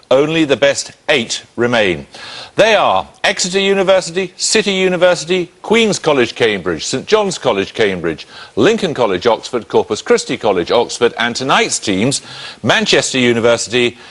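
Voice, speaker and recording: A man hosting a televised quiz show, reading questions briskly and crisply in a studio. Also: medium pitch, a bit bright.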